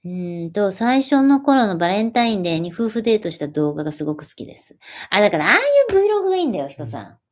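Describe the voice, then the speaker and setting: Lively woman chatting on a livestream. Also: medium pitch, fast, few pauses. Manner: reads viewer comments aloud and answers them chattily; animated, friendly, self-deprecating. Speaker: livestream host. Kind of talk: casual livestream chat.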